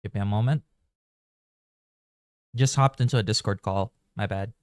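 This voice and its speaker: A man's voice: lowish voice, normal speed, clear, resonant tone, no room sound, clean studio sound. A man from the Philippines giving casual, rambling commentary while live-streaming a game. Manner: chatty, rambling, thinking aloud.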